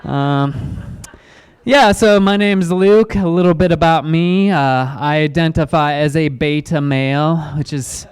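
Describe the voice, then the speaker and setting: A man from Illinois doing stand-up comedy on a club stage, telling self-deprecating jokes in a deadpan way. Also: a little high, a little slow, clear, resonant tone. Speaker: guest comedian.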